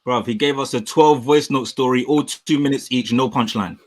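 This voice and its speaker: A man co-hosting a casual live stream, defending himself with quick comebacks. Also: medium pitch. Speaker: podcast co-host. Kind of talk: casual banter.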